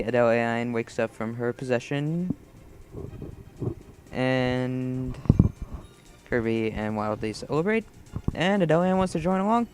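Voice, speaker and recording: A man giving casual let's play commentary over gameplay, rambling through tangents and game trivia, with sudden excited outbursts at the screen. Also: medium pitch. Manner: bursts of excited shouting at the game.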